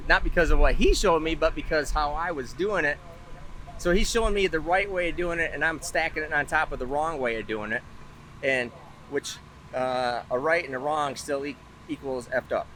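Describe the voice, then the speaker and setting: A man's voice: on the high side, normal speed, sharp tone, a little hiss or hum, poor audio. Rambling, self-mocking man at the track. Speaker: drag racer. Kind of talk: casual on-camera chat.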